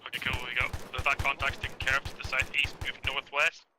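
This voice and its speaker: A man's voice: medium pitch, completely flat delivery, fast talker. A man making terse military callouts as tactical chatter in a game. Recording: noisy gaming voice chat.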